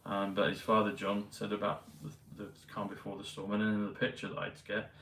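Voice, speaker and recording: A man vlogging in a meandering, hesitant casual monologue full of pauses and fillers. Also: lowish voice, monotone, fairly bright tone, slight background noise. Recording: roomy, mic at a distance, faint ambience.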